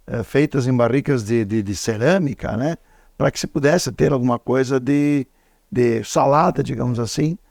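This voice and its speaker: A man's voice: medium pitch, normal speed, vocal fry, darkish tone, dry recording, studio quality. A man hosting a cooking show, chatting casually, asking questions and adding trivia. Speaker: host.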